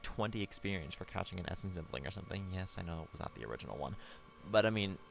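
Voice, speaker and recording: A man's voice: sits low, vocal fry, a bit bright. A man giving a casual, rambling game review over gameplay, with lots of fillers and restarts.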